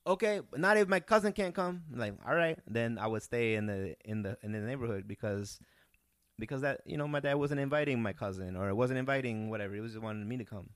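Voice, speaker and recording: A young man from Peru, a comedian, telling rambling, animated stories in a casual podcast chat. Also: mid-range voice, fast, clear, resonant tone, dry recording, clean studio sound. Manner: rambling, animated storytelling with restarts. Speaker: guest comedian.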